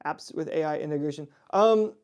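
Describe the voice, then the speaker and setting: Relaxed chatty man with a mellow voice. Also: fairly high pitch, a little fast, clear, resonant tone. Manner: relaxed, chatty, laughs often, frequent "like" and "um". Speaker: host answering viewer chat. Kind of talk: casual livestream Q&A.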